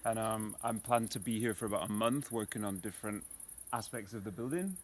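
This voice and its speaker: A man in his thirties from the United Kingdom, giving a relaxed, rambling tour outdoors with many ums. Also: on the low side, brisk. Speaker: architect giving a house tour. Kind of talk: casual guided tour. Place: outdoors in the countryside.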